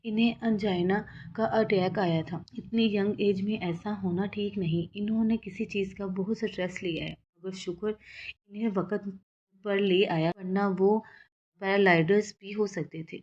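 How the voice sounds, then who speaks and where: A woman reading as a calm male doctor. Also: mid-range voice, lo-fi sound, natural voice. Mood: professional. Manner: businesslike.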